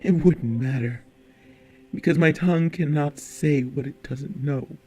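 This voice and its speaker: A man's voice: fairly high pitch, unhurried, mellow, slightly rough. A man voicing a frightened old Italian man who pleads and stammers for his life. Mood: pleading. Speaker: audiobook character.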